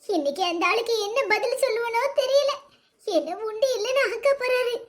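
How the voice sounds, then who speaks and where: A woman's voice: very high voice, expressive, brisk. A woman voicing an anxious middle-aged village mother in a cartoon, lamenting in a Tirunelveli Tamil accent. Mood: fretful. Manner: fretful, lamenting.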